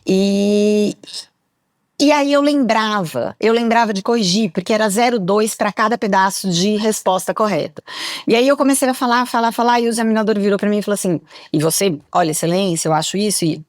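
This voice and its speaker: A middle-aged woman telling stories as a podcast guest, speaking very loudly and lively into a studio mic. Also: mid-range voice, brisk, no room sound. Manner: talks very loudly. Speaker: guest, public prosecutor. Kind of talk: podcast interview storytelling.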